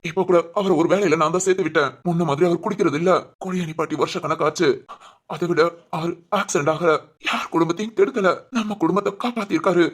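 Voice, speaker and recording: A woman voicing a calm young husband in a doll-film drama, speaking in a lowered, firm and measured way. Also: breathy edge. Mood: firm explaining.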